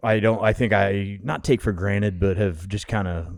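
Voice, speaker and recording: A man's voice: fairly low pitch, fairly even intonation, moderate pace, vocal fry, dry recording, clean studio sound. A man co-hosting a casual podcast chat, stammering a little but upbeat. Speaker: podcast co-host.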